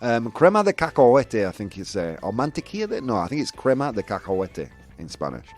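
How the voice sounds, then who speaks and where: Brisk and mid-range, this British man keeps his casual livestream game lively, chatting and animatedly reading out what viewers answered. There's faint background music behind him as he hosts.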